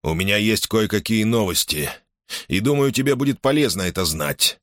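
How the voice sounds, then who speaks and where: A man's voice: fairly low pitch, animated, moderate pace, fairly bright tone, no echo, clean studio sound, pitched above the performer's own voice. A man doing a grumbling space pirate. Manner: grumbling, sullen. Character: gruff male space pirate in disguise.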